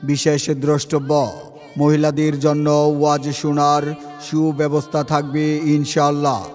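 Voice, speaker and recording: A man calls out an event announcement in loudspeaker style, chanting each detail in a sing-song way. His pitch sits a bit high and barely moves. A long reverb trails behind him, with faint music underneath. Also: monotone, moderate pace.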